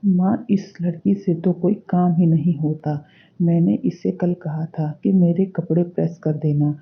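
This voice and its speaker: Cartoon role: woman voicing a shouting young husband, husky tone. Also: fairly low pitch. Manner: shouting, scolding. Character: young man, short-tempered husband. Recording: dull lo-fi recording.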